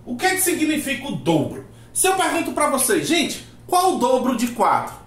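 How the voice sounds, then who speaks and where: A man's voice: very high voice, wildly swooping pitch, moderate pace, fairly bright tone. A man teaching a math lesson, asking rhetorical questions and acting out his students' replies. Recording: roomy echo.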